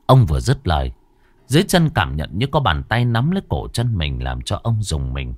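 A man's voice: moderate pace, faint music behind. A man narrating a ghost story as storyteller. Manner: expressive, varied pitch.

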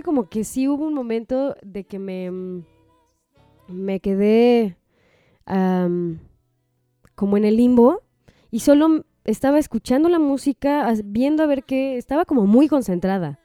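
A woman's voice: mid-range voice, warm tone, no echo. A woman with a Mexican Spanish accent, a singer-songwriter telling a story in a chatty, casual way and laughing between sentences.

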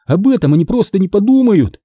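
Male reader doing an excitable young girl, high, breathless, husky edge, dry audiobook read. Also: fairly quick, no echo, phone-quality sound. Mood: excited. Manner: breathless, eager, high-pitched. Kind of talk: audiobook character voice.

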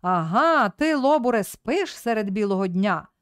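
A woman reading aloud voices a rude, bullying male newspaper editor who scolds and shouts at his staff. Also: a little high, sing-song, moderate pace, no echo, clean studio sound. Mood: shouting.

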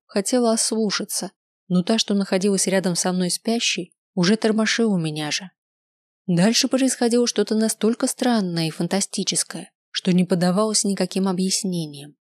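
A woman's voice: mid-range voice, darkish tone, no echo. Woman reading a first-person audiobook. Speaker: audiobook narrator.

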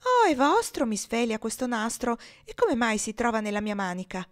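A woman's voice: sits high, animated, brisk, pitched above the performer's own voice. A woman reading aloud, voicing a mischievous young girl servant who pleads with false innocence. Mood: pleading.

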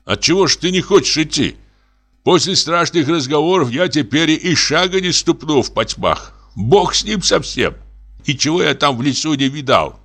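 A man's voice: fairly high pitch, animated, normal speed, fairly bright tone, voice pushed up. A man reading an audiobook, voicing an old, frightened, pious forester who whines plaintively. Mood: fearful whine. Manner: whining, plaintive.

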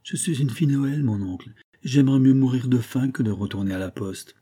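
A man's voice: medium pitch, a little fast, warm tone, husky, pitched above the performer's own voice, lightly acted. A man voicing a proud, determined young girl in an audiobook, speaking earnestly and resolutely.

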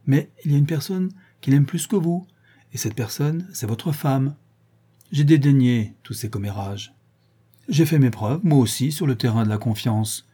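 Man doing a jealous dead husband, pleading and self-righteous, dark low-key voice. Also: normal speed, husky, lightly acted. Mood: insistent. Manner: insistent, nostalgic, self-righteous. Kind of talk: audiobook character reading.

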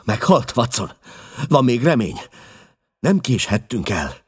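A man voicing a restless, brilliant male detective who barks urgent orders, pitched higher and louder than his own reading voice. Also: huge pitch swings, no room sound, studio quality, heavily acted. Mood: anxious.

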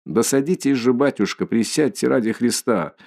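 A man's voice: mid-range voice, lively intonation, moderate pace, gravelly, darkish tone. A man voicing a sly, fussy middle-aged male police investigator who wheedles and fawns, in an audiobook reading. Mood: insinuating. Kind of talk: audiobook character voice.

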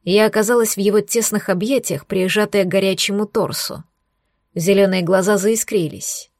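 A woman reading a first-person romance audiobook aloud in a steady, even storytelling manner. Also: mid-range voice, moderate pace, dry recording, studio quality. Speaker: audiobook narrator. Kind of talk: first-person scripted narration.

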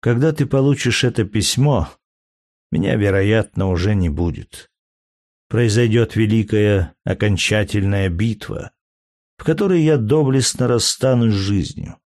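A man's voice: lowish voice, animated, a little slow, darkish tone, no echo, clean studio sound. A man reading an audiobook, voicing a doomed noble warrior's solemn, mournful farewell letter. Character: doomed male gladiator leader, noble, farewell.

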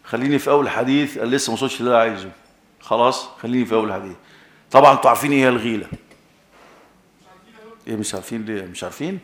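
A man's voice: mid-range voice, racing, pauses often, fairly bright tone, roomy sound. An Egyptian man preaching a sermon with an Egyptian accent, emphatic, repeating key words and quizzing his listeners.

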